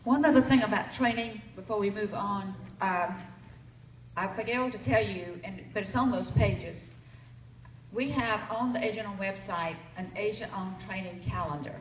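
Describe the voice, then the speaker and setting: A woman's voice: mid-range voice, normal speed. A woman gives training announcements in a casual, chatty way at a company meeting. She sounds distant from the microphone, and the hotel meeting room echoes around her. The recording is dull and slightly muffled, with a faint hiss. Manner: chatty, informal. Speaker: training coordinator.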